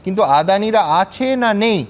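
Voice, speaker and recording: Pressing high-voiced male news anchor. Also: expressive, unhurried. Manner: pressing, interrupts guests. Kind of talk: studio debate moderation.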